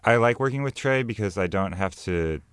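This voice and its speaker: A man's voice: lowish voice, animated, brisk, fairly bright tone, clean tone, no room sound, studio quality. A man talking casually as an artist guest in an interview.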